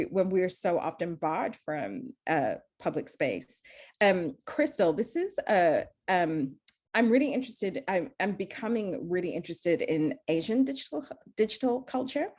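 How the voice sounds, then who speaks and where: Here a Zambian panelist talks earnestly in a panel discussion, searching for words and restarting again and again. Her voice sits on the low side, darkish with a breathy edge.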